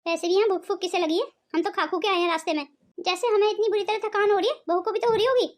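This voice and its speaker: A woman's voice: very high-pitched, steady tone, fast. A woman voicing a spiteful, meddling middle-aged aunt in a cartoon, gossipy and mocking.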